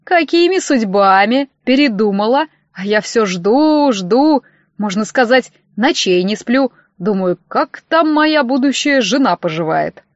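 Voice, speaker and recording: A woman's voice: fairly high pitch, lively intonation, dry recording. A woman voicing a sly, pushy wealthy old man who drags out his words and turns snappish, on a dull, dry recording. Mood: wheedling. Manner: drawn-out wheedling, turning snappish.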